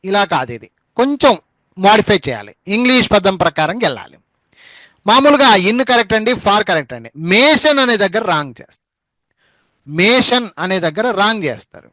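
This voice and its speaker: A man teaching an English spelling lesson, spelling words out letter by letter and repeating them slowly. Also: high-pitched, sharp tone, no echo, poor audio. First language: Telugu.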